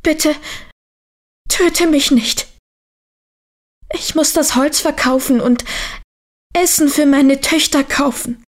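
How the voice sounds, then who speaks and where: A woman doing a trembling, high-pitched old woodcutter. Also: slow pace, pauses often. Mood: pleading. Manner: trembling, pleading. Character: frightened poor male woodcutter begging for his life.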